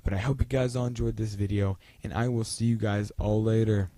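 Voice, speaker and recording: Young guy vlogging a story, kinda low mellow voice, dry close mic, rambles w lots of ums. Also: fairly even intonation, a little fast, no echo. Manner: rambling, lots of fillers and restarts. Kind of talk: casual storytelling vlog.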